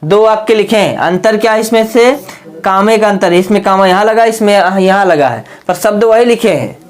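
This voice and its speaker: Faint music plays behind a high-pitched man speaking briskly as he teaches grammar aloud. He goes over his points again and again, posing rhetorical questions to the class, whom he keeps calling friends.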